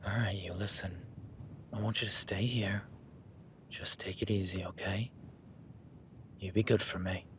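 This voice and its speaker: In an audio roleplay addressed to the listener, a man plays a rugged cowboy rancher, a steady, protective ranch hand tracking a beast. He's calm, low-key and instructive, often hushed, with a soothing mood. There's a little hiss or hum.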